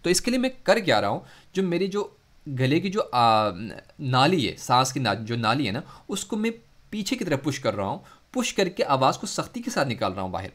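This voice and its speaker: A man with an Urdu accent teaches recitation close to the mic, at a middling pitch. He explains in a patient, steady way and draws out long, stretched sounds to show how each letter is said. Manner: explains slowly, then draws out the demonstrated sounds. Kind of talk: recitation lesson.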